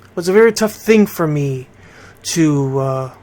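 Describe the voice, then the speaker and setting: A middle-aged Bridgeport, Connecticut DJ speaks in a slightly high, somewhat mellow voice that's animated yet unhurried. He hosts his radio show in a conversational style, addressing the audience directly.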